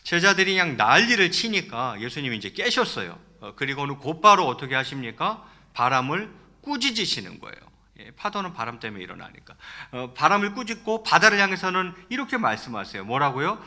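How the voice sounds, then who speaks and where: A pastor with a fairly high voice preaches a sermon, reading scripture aloud and putting questions to the congregation. His delivery swings between loud rises and soft drops.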